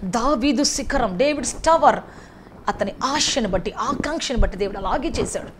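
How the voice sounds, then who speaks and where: A woman preaching a sermon with fervor, often breaking into repeated praise and building to loud, impassioned prayer. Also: fairly high pitch, expressive, normal speed, background noise. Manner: fervent, repetitive exclamations of praise.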